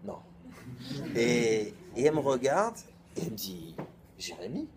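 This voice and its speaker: A man in his thirties, a rabbi giving an informal storytelling sermon in a colloquial, lively way, acting out both sides of the conversations he recounts. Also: mid-range voice, measured pace, crowd noise.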